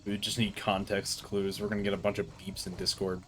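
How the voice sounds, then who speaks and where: On a headset mic, a man with a lowish, fairly bright voice hosts a casual co-op gaming stream with friends. His delivery is brisk and completely flat, yet he rambles, corrects himself, and often breaks into laughter.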